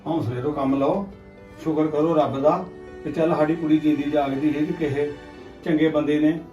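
A man acting as a middle-aged father in a family drama, soft and coaxing, with a slightly raised voice. He is miked from a distance in an echoing room. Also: on the high side, fairly even intonation, moderate pace, muffled recording, soft background music, lightly acted. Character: gentle father soothing his wife and daughter. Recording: echoey room, distant mic.

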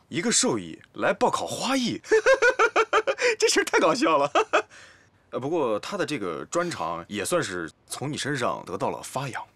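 A man's voice: medium pitch, a bit bright, dry recording. An actor in his twenties playing a playful, teasing young office employee in a light TV drama, with a theatrical delivery. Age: 20s. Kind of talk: light comedic TV drama dialogue.

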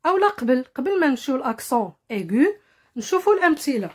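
A woman with a Moroccan accent teaching a French lesson, explaining quickly in Arabic and reading French examples slowly and deliberately. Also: high-pitched, sing-song, darkish tone. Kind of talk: language lesson.

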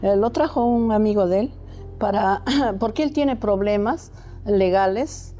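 A woman's voice: medium pitch, unhurried, mellow, faint music behind. A woman, a lawyer and neighbor appearing as a talk show guest, telling her account insistently and with frequent restarts. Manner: insistent, repetitive, with hesitant restarts.

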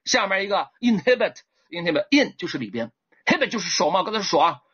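Animated male English teacher, lo-fi stream. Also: fast, husky. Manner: animated, asks viewers to type one; lively with sudden high exclamations. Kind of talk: livestream lesson. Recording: dull lo-fi stream audio.

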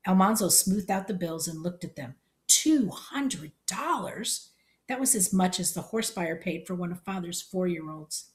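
A woman reading a storybook chapter aloud in plain, steady narration. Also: fairly low pitch, moderate pace, hardly any pauses.

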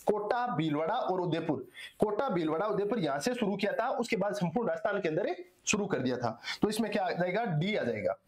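A hoarse man teaching an exam-solution lecture, repeating answers and asking and answering his own questions. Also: sits high, animated, a little fast. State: hoarse, strained throat. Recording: echoey room.

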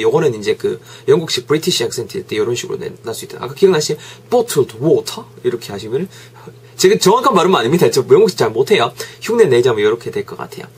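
A man with a Gyeongsang accent teaches in a relaxed, joking way, repeating words over and over to drill pronunciation. His voice is slightly husky. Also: mid-range voice. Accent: Gyeongsang Korean. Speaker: English teacher. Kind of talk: casual lecture. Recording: podcast lecture audio.

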